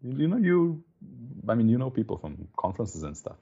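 Man, Slovenian accent, low creaky voice, husky, casual interview talk, slightly dull recording. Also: very animated, brisk, mellow. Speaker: interview guest, software developer.

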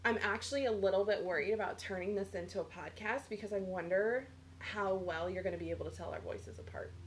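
A woman's voice: medium pitch, quick pace, a little hiss or hum. A woman in her thirties co-hosting a podcast, chatting casually and acting out quotes as she tells stories. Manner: animated storytelling, acts out quotes. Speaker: podcast co-host. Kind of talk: casual chat.

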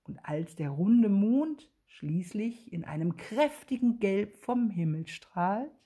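A woman reading a children's story aloud in a gentle storytelling manner, with a breathy voice. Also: medium pitch, expressive, slow pace. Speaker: story reader.

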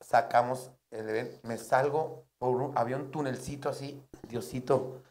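A man's voice: mid-range voice, moderate pace, a crowd in the background. A Mexican man, a comedian, telling stories in casual chat and acting out the voices of the people in them. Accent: Mexican Spanish. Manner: animated, acts out shouting voices in his stories.

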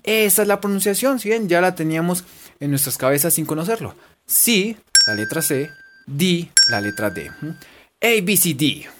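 Playful woman teaching with lively pitch. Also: a little fast, very noisy. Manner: playful, chatty, encouraging. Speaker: English teacher. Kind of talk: casual online lesson.

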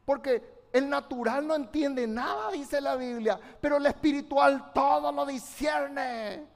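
A man's voice: very high-pitched, a little slow. A man preaching a fervent sermon, speaking directly to his congregation and calling for their responses. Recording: long reverb of a large hall.

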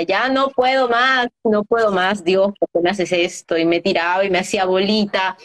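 A woman coach, a guest in an interview, giving gentle, encouraging advice on heartbreak straight to the listeners. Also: mid-range voice.

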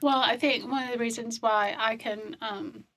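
Calm breathy woman telling her story. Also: fairly high pitch. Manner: calm, matter-of-fact, slow and deliberate. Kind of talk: personal storytelling in conversation.

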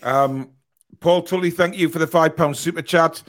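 A man with a hoarse, raspy, strained voice, pushing it to be heard as he hosts a live football panel debate. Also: a little high, fairly even intonation, moderate pace. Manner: raising the voice to get sound out. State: hoarse, strained voice from a worn-out throat. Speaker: host of a football fan debate show.

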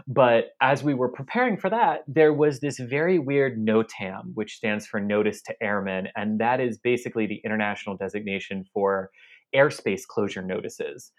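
A man's voice: on the low side, moderate pace. A man co-hosting a casual space news show who explains things in detail. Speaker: podcast co-host.

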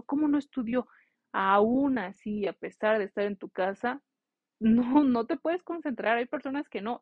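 A woman's voice: on the high side, dry recording. Young adult woman nurse, earnest heartfelt storyteller coaching students; slightly muffled, dry recording. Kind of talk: casual spoken monologue to nursing students.

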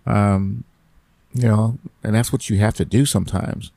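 A man's voice: lowish voice, steady tone, measured pace, creaky, dark tone, no room sound. A middle-aged man hosting a podcast, giving rambling, encouraging motivational talk and repeating his phrases. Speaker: podcast host.

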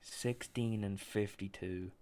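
A man co-hosting a casual sports podcast, blunt and sweary, with quick jokey asides. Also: fairly low pitch, steady tone, darkish tone. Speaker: podcast co-host. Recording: faint background hiss.

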